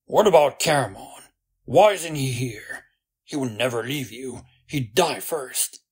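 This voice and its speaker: A man doing a gruff, hot-tempered blusterer. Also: medium pitch, expressive, unhurried. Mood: angry.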